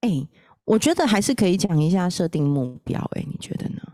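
A woman hosting a podcast, talking in a giggly, self-deprecating, animated way. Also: fairly low pitch, brisk, no echo, clean studio sound. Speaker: podcast host, astrologer. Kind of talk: casual podcast chat.

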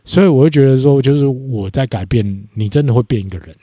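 A young man talking in a casual podcast chat, reflective and animated when he retells conversations. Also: mid-range voice, fast talker, dry recording, clean studio sound. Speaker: podcast co-host.

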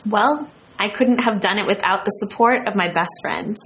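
A woman playing an excited, grateful young friend in an acted language-lesson dialogue. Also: mid-range voice, moderate pace, noisy background, close to an everyday voice. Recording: roomy echo.

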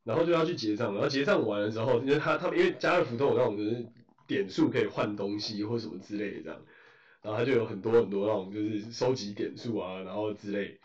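A man with a Taiwanese Mandarin accent telling a story in casual chat, animated, swearing and mixing in English phrases. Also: lowish voice, fast talker. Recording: roomy, distant, dull lo-fi.

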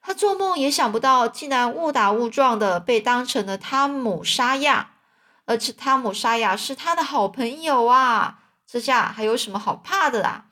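A woman's voice: a little high, animated, moderate pace, sharp tone. A woman, reading a children's story aloud in a chatty way and explaining words as she goes.

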